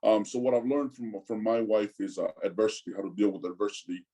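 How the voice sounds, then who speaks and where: Recorded roughly, a man from Tonga in his forties chats as an interview guest in a lowish, warm voice. He tends to pause, say words twice, and end lines with "man."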